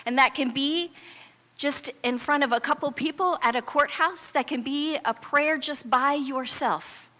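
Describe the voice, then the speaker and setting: The speaker is a middle-aged American woman pastor delivering a sermon to a congregation, her voice echoing through a reverberant church hall. It sits high, with a sharp tone and a measured pace, and her manner is earnest, emphatic, and conversational, like storytelling.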